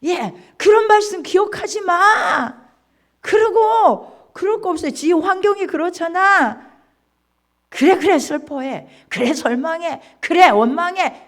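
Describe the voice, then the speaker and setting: Woman pastor putting on a gleeful tempter devil, mocking, pitch leaping around. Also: animated, unhurried, exaggerated voice. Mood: taunting. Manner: mocking, cheering on. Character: gleeful taunting devil egging on despair.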